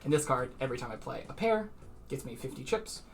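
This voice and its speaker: A man's voice: mid-range voice, sing-song, fast talker, vocal fry. A man streaming a card game at a charity marathon, chatty and laughing often as he explains each mechanic step by step. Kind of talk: casual explaining while playing.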